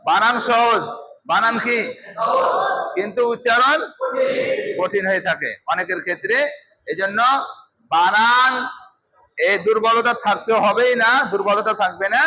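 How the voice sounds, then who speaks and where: A man's voice: high-pitched, measured pace, pauses often, bright, forceful tone, dull audio, a little hiss or hum. A man teaching a Quran class, instructive, repeating points and quizzing his students. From Bangladesh. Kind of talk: teaching a class, drilling letters.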